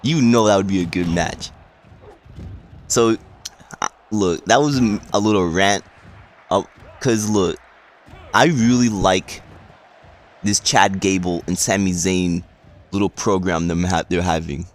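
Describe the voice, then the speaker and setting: A man vlogging in a rambling, excitable rant full of swearing. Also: deep voice, a little slow, long pauses. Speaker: wrestling vlogger. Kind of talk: casual vlog rant.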